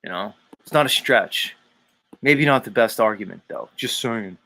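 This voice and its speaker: A man's voice: fairly low pitch, lively intonation, normal speed, sharp tone, dry recording. A man hosting a casual livestream, talking crudely and mockingly and laughing often. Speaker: streamer host.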